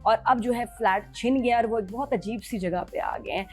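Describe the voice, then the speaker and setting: A woman on a drama review panel, chatting in an animated, playful way. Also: fairly high pitch, normal speed, breathy edge, soft background music. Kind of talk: casual panel chat.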